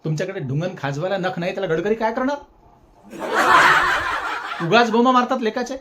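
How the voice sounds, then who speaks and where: Brief: male satirical commentator, high-pitched, sarcastic and scolding, laughs through his own jabs. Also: lively intonation, brisk, highs cut off, very noisy. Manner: sarcastic mock-scolding, repeats jeering taunts; chuckles while speaking.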